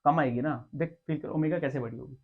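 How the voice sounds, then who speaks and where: A man tutoring physics at a board, coaxing and teasing his student and checking again and again that it is clear. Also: fairly high pitch, brisk. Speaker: physics teacher. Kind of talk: blackboard tutoring session. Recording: dull lo-fi recording.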